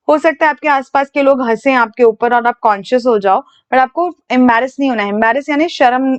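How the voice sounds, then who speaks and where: A woman's voice: high-pitched, dull audio. A woman from India teaching an English phonetics video lesson, explaining patiently step by step and asking the viewer questions.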